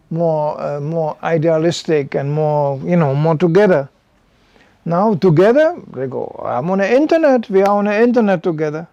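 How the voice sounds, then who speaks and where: An older man, by birth, preaches in English to a small group in a loose, chatty way, leaning on "you know" as he goes. His voice sits a little high but sounds mellow and dark, and the recording is dry and close. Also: no echo. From Czechoslovakia. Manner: conversational, animated, frequent "you know". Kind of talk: sermon to a small gathering.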